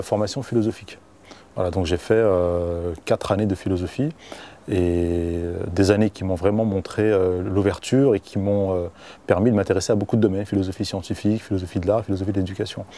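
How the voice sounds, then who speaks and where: A man who grew up in France, answering interview questions thoughtfully, pausing often with fillers. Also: deep voice, dark tone. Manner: hesitant, many fillers. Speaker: singer-songwriter guest.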